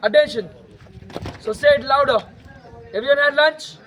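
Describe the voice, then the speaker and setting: A young man with an Indian English accent, switching into Telugu as he teaches a self-defense class to students, calling out loud commands. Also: very high voice, fast talker. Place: outdoors at a school, large group of students. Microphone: no microphone, camera at a distance. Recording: dull lo-fi sound, crowd noise.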